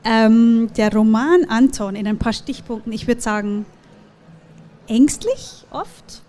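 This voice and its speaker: A woman, an author, reading narration in an even, measured way and answering questions about her novel. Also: on the high side. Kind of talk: reading aloud and interview answers.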